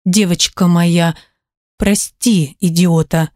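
A woman reading the part of a remorseful, hot-tempered man, dropping her voice low and slow to plead tenderly. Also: steady tone, dark tone, no room sound, studio quality.

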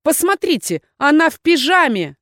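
A woman's voice: high voice, very animated, normal speed, a bit bright, no room sound, studio quality, pitched above the performer's own voice. A woman voicing a nervous, strict female dormitory warden who speaks eagerly and insistently.

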